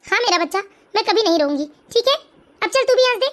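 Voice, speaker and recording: A high voice doing a gentle old mother. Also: animated, quick pace. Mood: tender. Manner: soft and soothing. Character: gentle elderly mother, tender and doting. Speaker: cartoon character.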